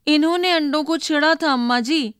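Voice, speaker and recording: A woman voicing a stubborn, tearful little girl who tattles, in a shrill, pleading voice for a storybook reading. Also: normal speed, no room sound, clean studio sound, close to an everyday voice. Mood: excited, anxious.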